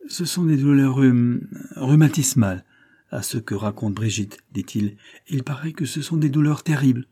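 A man reading an audiobook, voicing an earnest, excited little boy who has just become heir to a title. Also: mid-range voice, normal speed, husky, no echo, studio quality, voice pushed up, natural voice. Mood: anxious. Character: eager, kind-hearted little boy heir.

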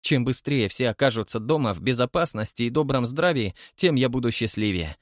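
A man reading an audiobook voices a thin, prim spinster woman who speaks calmly, mildly and with quiet menace. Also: mid-range voice, fairly quick, dry recording, clean studio sound, close to an everyday voice. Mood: calmly commanding. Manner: calm, mild, quietly menacing.

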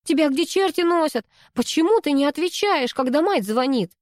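A woman reading a story and voicing an exasperated young woman scolding her best friend in a sharp, indignant way. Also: sits high, lively intonation, moderate pace, no echo, clean studio sound, pitched above the performer's own voice.

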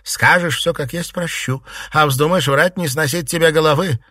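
A man voicing a furious, imperious noblewoman who scolds and interrogates her servants with shouts and sarcasm. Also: fairly high pitch, normal speed, dry recording, clean studio sound, voice pushed up. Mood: angry.

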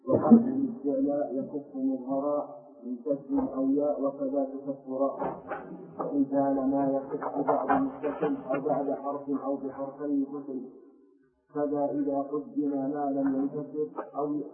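A man's voice: mid-range voice, steady tone, moderate pace, over music. A man reading grammar verses and their commentary aloud to a class. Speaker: student reading the text aloud. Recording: distant, echoey, phone-like audio.

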